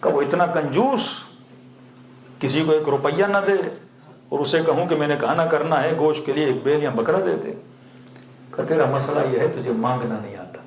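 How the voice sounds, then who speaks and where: A man's voice: on the high side, slight background noise. A male cleric giving a sermon full of stories. He asks the audience questions, answers them himself, and chuckles now and then. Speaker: Shia cleric. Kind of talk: sermon with storytelling. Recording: echoey hall.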